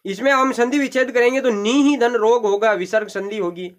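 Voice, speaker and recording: A man with an extremely high, fairly even-toned voice speaks a little fast as he teaches Hindi grammar for exam preparation. He patiently breaks down each example word step by step, addressing viewers directly with "देखिए" and "भाई".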